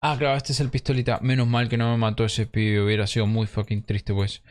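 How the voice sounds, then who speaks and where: A man with an Argentine accent giving excitable live gameplay commentary, swearing and mixing in English slang. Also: medium pitch, brisk, slight background noise. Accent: Argentine Spanish. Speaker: streamer.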